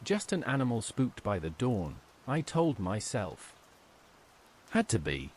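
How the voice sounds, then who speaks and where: A man narrates a scripted horror story in a measured, dramatic delivery. His medium-pitched voice swings hugely up and down, with soft rain and slight background noise behind him.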